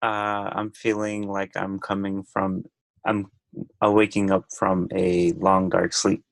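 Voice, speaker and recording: A man taking part in an online class call, speaking in a hesitant, halting way. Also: low-pitched, completely flat delivery, gravelly, no echo. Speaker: course participant.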